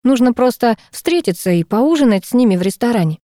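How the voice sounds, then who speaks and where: A woman's voice: on the high side, expressive, a little fast, warm tone, dry recording, clean studio sound, voice pushed up, lightly acted. A woman reading the lines of a young male footballer who coaxes and pleads with his ex-fiancée, in a story read aloud. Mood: pleading. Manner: coaxing, pleading.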